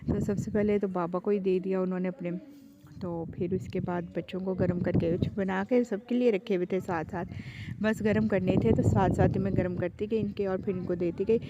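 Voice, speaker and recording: A woman narrating her cooking vlog in a chatty, homely way. She talks slowly and carefully. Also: mid-range voice, fairly even intonation, dull audio. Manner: chatty, homely, deliberately slow and careful delivery. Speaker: cooking vlogger and mother. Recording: loud background noise throughout.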